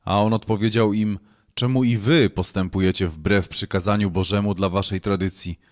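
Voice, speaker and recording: A man reading scripture aloud in a measured, solemn way. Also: on the low side, steady tone. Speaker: scripture reader.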